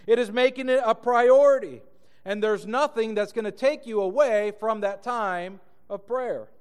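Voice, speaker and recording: A high-voiced man from Argentina delivers a sermon as a pastor. He is earnest and emphatic, and he slows down deliberately when he reads scripture. A long reverb from a large hall trails each phrase.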